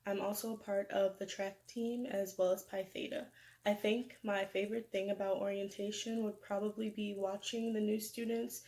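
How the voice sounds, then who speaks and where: A woman's voice: medium pitch, level tone, normal speed, warm tone. A woman in her early twenties with an American accent, introducing herself as a student orientation leader. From Florida, United States. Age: early 20s. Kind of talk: self-introduction to new students.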